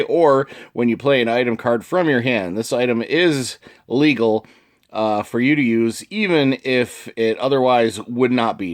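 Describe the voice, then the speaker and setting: A man hosting his own channel, casually reading card text aloud with short asides and chuckles. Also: medium pitch. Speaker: channel host reviewing card game cards.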